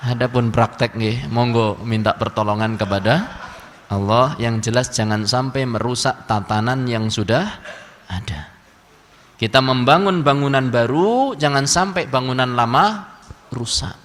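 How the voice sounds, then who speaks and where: Humorous preacher. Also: male voice, medium pitch, measured pace, fairly bright tone, slight background noise. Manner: humorous storytelling with acted quotes. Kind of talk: religious lecture. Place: mosque hall. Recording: long hall reverb.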